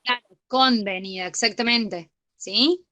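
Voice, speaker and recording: A young woman with a Rioplatense Spanish accent leads an online grammar study group, patiently checking often that everyone understands. Her voice is a little high, pushed and bright, at a measured pace.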